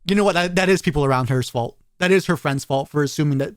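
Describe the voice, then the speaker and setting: A man with a fairly high voice chats through a podcast episode, rambling and animated, breaking into laughs. The sound is dry and close, with almost no room around him. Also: fast talker, clean tone, dry recording. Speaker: podcast co-host. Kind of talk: casual podcast chat.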